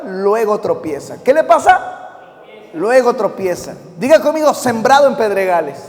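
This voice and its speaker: A man preaches from a church hall, his voice sitting unusually high for a man. He keeps throwing questions at the congregation and calling for them to repeat phrases back. Long reverb trails after each phrase. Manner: lively call-and-response preaching with many questions to the congregation. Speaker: pastor. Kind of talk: sermon.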